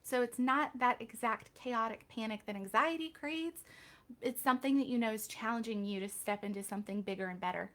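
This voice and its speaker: Woman chatting on a live stream, kinda high voice, candid and jokey about herself. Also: a little fast, a bit bright. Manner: chatty, candid, self-deprecating asides. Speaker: reiki healer hosting a live Q&A. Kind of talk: casual live-stream talk.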